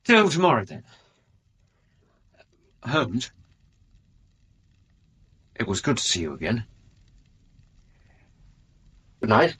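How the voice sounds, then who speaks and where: An earnest English doctor of the Victorian era in a radio play. His husky, mid-pitched voice rises and falls freely. He is courteous, concerned and full of questions. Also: very animated, takes it slowly, a bit bright, heavily acted. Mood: cordial. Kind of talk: radio drama acting.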